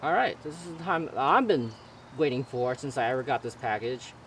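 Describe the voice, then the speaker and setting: A man giving a casual product review in a halting, informal way, stumbling over words now and then. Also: mid-range voice, animated, a bit bright. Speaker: gear reviewer. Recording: noisy raw camera-mic audio with ambience.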